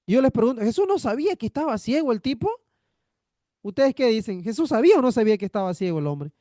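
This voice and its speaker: A man's voice: very high voice, big pitch swings, quick pace, dark tone, no echo, studio quality. A man teaching a theology class, repeating his points and asking rhetorical questions to check the students follow. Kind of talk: classroom lecture.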